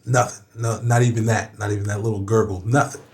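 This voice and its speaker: A man's voice: lowish voice, fairly even intonation, quick pace, a little mellow. A young adult man from Southern California, a rapper guesting on a podcast, who tells a personal story in a candid, emphatic way, swearing often and repeating "you know what I'm saying".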